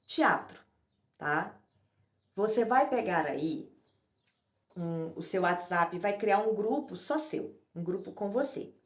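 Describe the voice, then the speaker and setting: A middle-aged woman coaching in an informal, chatty way, with a voice in the middle of the usual range. She is recorded by a camera in a room at home that sounds echoey. She now and then acts out quoted everyday messages with energy. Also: medium pitch. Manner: informal and lively, demonstrating breathing and acting out quoted phone messages. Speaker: speaking coach. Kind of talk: online class teaching self-presentation. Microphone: camera in front of her.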